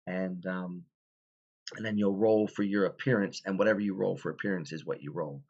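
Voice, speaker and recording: A man's voice: low voice, fairly even intonation, a little fast, darkish tone, lo-fi sound. A tired man hosting a casual tabletop game tutorial, rambling with many ums and restarts. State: tired, stifling yawns.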